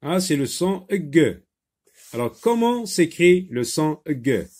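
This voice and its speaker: Slow, patient male phonics teacher. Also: a little high, sing-song, a little mellow. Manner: slow, patient, repeats words and syllables. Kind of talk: French phonics lesson for children.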